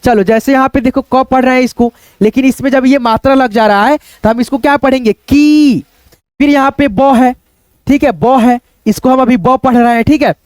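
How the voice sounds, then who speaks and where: Young man, casual reading lesson, high voice, repetitive patient drilling, dry close sound. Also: fairly even intonation, smooth, dry recording. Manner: repetitive, drills words slowly, coaxing "dosto". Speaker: Hindi reading teacher.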